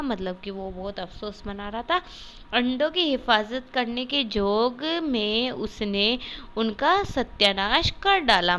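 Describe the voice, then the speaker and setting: A woman teacher reads a textbook story aloud and explains each line again in simpler words. Her voice is bright and slightly high. She talks patiently to her students. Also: a little hiss or hum.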